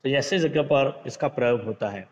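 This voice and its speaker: A man teaching a grammar lesson, explaining slowly with examples, mixing in English words, addressing the class as friends, and lifting his voice to act out the example sentences. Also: medium pitch, darkish tone, a little hiss or hum. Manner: reads example sentences in a lifted, acted voice. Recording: dull lo-fi sound in a reverberant room.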